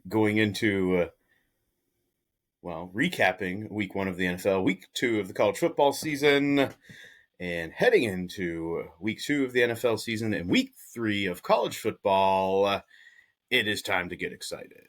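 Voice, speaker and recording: Lively low-voiced male podcast host. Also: moderate pace. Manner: playful, jokey banter with frequent laughs. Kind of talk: casual sports betting chat.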